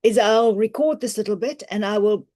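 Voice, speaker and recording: A woman physician teaches on a video call, her voice hoarse and croaky. She explains clinical points in a practical, reassuring way. Her delivery is loose and conversational. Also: mid-range voice, moderate pace, warm tone. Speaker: family physician presenting a webinar. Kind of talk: online medical teaching talk. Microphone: computer mic on a video call.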